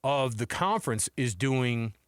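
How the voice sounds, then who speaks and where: With a clear, resonant, medium-pitched voice, a man hosts sports talk radio at a measured pace and with lively intonation. His style is casual and buddy-like, addressing listeners and his co-host as "man" and "dude." The studio recording is dry and clean.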